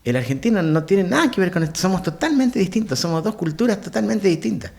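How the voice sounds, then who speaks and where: A male Chilean pastor preaches in a lively storytelling way. His pitch rises and falls a lot, and he often stops to ask the congregation whether they follow. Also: fast, gravelly. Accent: Chilean Spanish. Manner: animated, asks the congregation questions. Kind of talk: storytelling sermon. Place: church.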